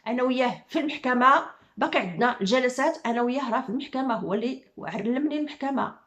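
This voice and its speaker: A woman's voice: on the high side, racing, fairly bright tone, lo-fi sound. A middle-aged woman with a Moroccan accent ranting to her viewers, heated and accusing, repeating her phrases again and again. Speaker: YouTuber.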